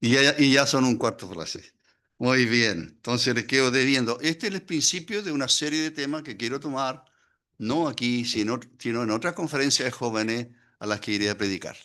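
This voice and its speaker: An older man with a Chilean Spanish accent preaching a sermon, lively and full of questions to the audience. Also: medium pitch, brisk.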